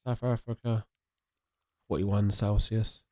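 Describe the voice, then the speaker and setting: This gaming streamer from England is a young man whose stuffy, sniffly voice is fairly low, level in tone, slow and dark. He chats casually and rambles while playing, responding to viewers, and the sound is studio quality with no echo.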